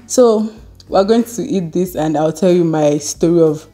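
A young woman chats to her viewers between bites, telling a story in a relaxed, easygoing way. Her voice sits a little low and sounds mellow and dark. Faint music plays behind her. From Nigeria. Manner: chatty, laughing, eating on camera. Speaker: vlogger. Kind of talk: casual storytelling while eating.

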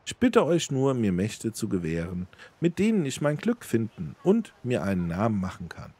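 A man's voice: medium pitch, wildly swooping pitch, moderate pace, warm tone, slightly rough, heavily acted. A man voicing an eager young noble wanderer who seeks power, in a slightly raised, earnest, pleading voice.

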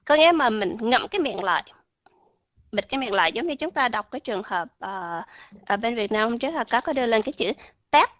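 A woman teaching English pronunciation in an online class, explaining patiently and modeling words slowly. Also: on the high side, expressive, fairly bright tone, no echo, muffled recording.

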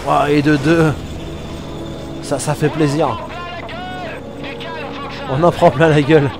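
A man giving casual, excitable commentary while playing a war game, swearing and talking back to the game. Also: a little high, slow, creaky. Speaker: let's play gamer. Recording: game music under voice.

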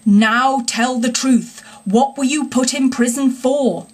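A woman's voice: on the high side, moderate pace, close to an everyday voice. A woman voicing a stern but kind-hearted male engine driver in a storybook, earnest and plain-spoken. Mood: grave, stern.

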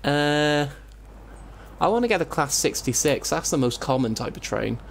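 A let's play host gives casual gameplay commentary, rambling, thinking aloud and often cutting himself off. His voice is a little high and animated with vocal fry, at a normal speed, captured on a compressed desktop mic as voice-over. Keyboard typing and faint room noise sit in the background.

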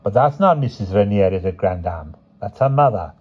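A man doing a gentle, apologetic young woman. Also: lowish voice, animated, moderate pace, husky, muffled recording. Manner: soft, respectfully reproving.

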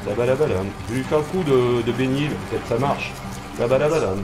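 Excitable, swearing man commentating a game. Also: mid-range voice, brisk. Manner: excitable, swearing, taunting the game's enemy with mock drama. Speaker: streamer playing a horror game. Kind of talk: live gameplay commentary.

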